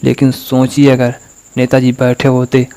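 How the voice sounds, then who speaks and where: A man delivering a motivational talk with a gravelly edge to his voice. His pitch stays very flat even as he speaks straight to the listener, acting out examples to press his points home. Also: measured pace, low-quality recording. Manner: speaks directly to the viewer, dramatizing examples.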